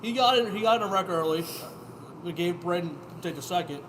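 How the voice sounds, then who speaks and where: High-voiced man reading race results. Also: lively intonation, a little fast, noisy background. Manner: joking, laughs through results. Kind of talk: casual banter.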